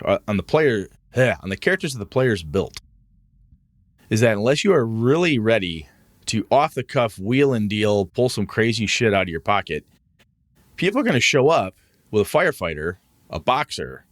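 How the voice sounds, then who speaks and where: A lower-pitched man talks on a casual podcast about running tabletop games, using restarts and the odd curse. His voice leaps upward when he acts out disbelief. The sound is dry and close. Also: no echo. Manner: animated, swings pitch up for mock-indignant asides; casual swearing, many restarts. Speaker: podcast co-host. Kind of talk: casual gaming chat.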